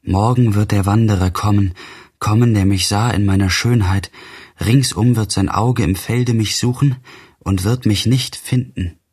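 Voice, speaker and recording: A man with a very deep, husky voice recites verse with solemn gravity. He lets every phrase stretch out slowly and mournfully, as in a literary radio reading. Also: steady tone, a little mellow. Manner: slow, mournful, drawn-out delivery. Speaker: audiobook reader.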